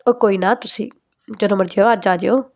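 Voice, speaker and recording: A woman's voice: medium pitch, fairly even intonation, normal speed, creaky, a little mellow. A woman voicing a nagging middle-aged mother, insistent and scolding. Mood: chatty.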